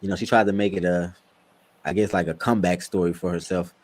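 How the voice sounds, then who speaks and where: A man's voice: low-pitched, steady tone, fast. A man co-hosting a casual podcast chat, talking in a loose, rambling way. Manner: loose, rambling, many fillers. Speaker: podcast co-host.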